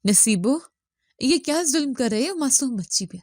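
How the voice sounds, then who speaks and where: Woman doing a kind tearful aunt, pleading, slightly raised pitch, mellow tone. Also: expressive, no echo, clean studio sound.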